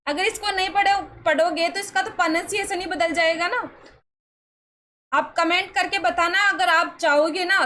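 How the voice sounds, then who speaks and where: A woman's voice: very high-pitched, a bit bright, poor audio. A woman teaching English pronunciation in an online class, asking the students questions and then answering them herself in a coaxing, reassuring way.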